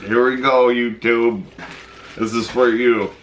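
A man's voice: mid-range voice, level tone, slow, slight background noise. A man co-hosting a casual food-challenge vlog, drawling his reactions between exclamations. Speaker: co-host; father.

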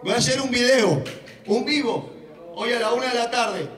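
A man preaching who mimics a sulky, offended woman griping about a church, lower and quieter than his own voice. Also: moderate pace, reverberant, distant mic, a crowd in the background. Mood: mocking. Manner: mocking, lowered and muttered.

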